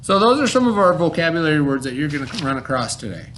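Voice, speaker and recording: Speaking quickly in a slightly high, sing-song voice over background noise, a man plays a schoolteacher leading a relaxed read-aloud and vocabulary session for a child. He talks things through conversationally and checks for understanding.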